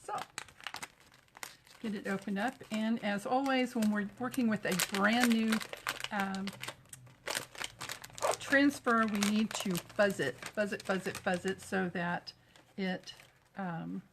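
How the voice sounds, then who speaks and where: A woman's voice: mid-range voice, fairly even intonation, takes it slowly, pauses often, background noise. A middle-aged woman from Texas, chatting and greeting viewers as she demonstrates a craft project during a live stream. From Texas, USA. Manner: chatty, greets viewers while working with her hands.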